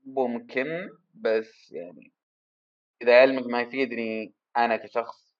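A man's voice: mid-range voice, level tone, normal speed, dull audio. A man hosting a solo podcast, rambling and self-deprecating as he thinks aloud. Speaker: podcast host. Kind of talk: casual solo podcast monologue.

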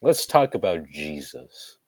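A young man with a deep voice co-hosting a casual podcast, teasing with deadpan asides. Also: takes it slowly, background noise. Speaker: podcast co-host.

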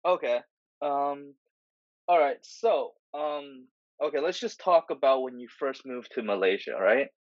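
A man's voice: mid-range voice, lively intonation, measured pace, dry recording, dull audio. A man hosting a casual podcast chat, asking questions with many fillers and restarts. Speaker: podcast host. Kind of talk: casual conversational interview.

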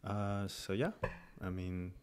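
A young man from Venezuela with a very deep voice talks as a podcast guest. He rambles loosely and leans on fillers, keeping a relaxed, easygoing tone throughout. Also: slow, slight background noise. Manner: laid-back, rambling with many fillers. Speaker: guest photographer. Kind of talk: casual podcast chat.

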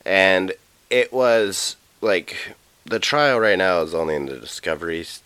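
Low-voiced man rambling through a case. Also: expressive, a bit bright, smooth, no room sound. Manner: loose, profane, halting with many fillers. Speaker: podcast co-host. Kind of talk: casual true crime chat.

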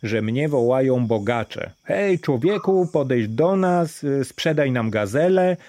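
A man voicing a stubborn, plain-spoken peasant who sells a gazelle at the market and shouts his wares. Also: mid-range voice, animated, slow pace, dry recording, pitched above the performer's own voice. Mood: grumbling. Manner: loud hawking cries, plain-spoken. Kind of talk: audiobook fairy tale reading.

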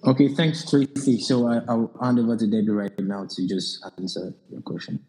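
A man's voice: mid-range voice, moderate pace, dark tone, low-quality recording. A Nigerian man hosting a live audio community session, steadily handing over to speakers, with frequent fillers. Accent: Nigerian English. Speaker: host.

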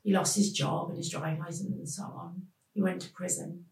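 A woman tells a painful personal story as a podcast guest, speaking haltingly with many pauses. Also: on the low side, level tone, gravelly, darkish tone, recorded from a distance. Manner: slow, halting, emotional retelling with many pauses. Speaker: podcast guest telling her life story. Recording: roomy sound, voice off the mic.

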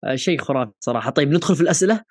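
A man's voice: a little high, animated, rapid-fire, no room sound, studio quality. A man with a Gulf Arabic accent co-hosting a podcast, chatting casually and posing questions, with some English words mixed in. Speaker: boxing podcast co-host.

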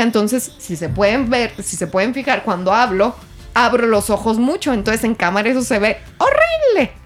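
A woman with a Mexican accent hosting a casual podcast chat, telling frank, self-mocking stories. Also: fairly high pitch.

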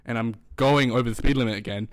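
A man's voice: medium pitch, steady tone, fast, dry recording. A man in his late teens with a lisp, hosting a casual podcast chat, rambling and swearing freely with plenty of ums. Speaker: podcast host.

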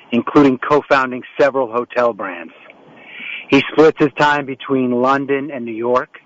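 A talk show host interviews guests remotely from a home setup in New York, his medium-pitched voice fairly bright but with the highs cut off. He rambles a bit, often restarting and using fillers as he introduces guests and asks questions over a remote call setup.

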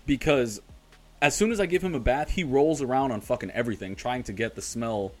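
A man co-hosting a laid-back podcast, talking at an ordinary pitch. He rambles through his stories, swears freely and breaks into laughter often. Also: a little fast. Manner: rambling, profane, laughs a lot. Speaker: podcast co-host. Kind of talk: casual podcast chat.

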